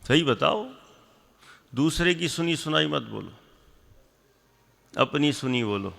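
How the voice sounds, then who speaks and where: A man teaching a religious class, slowly repeating definitions and quizzing and scolding his pupils. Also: fairly high pitch, expressive, gravelly, a bit bright, in a large hall. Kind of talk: classroom lesson with questions to students.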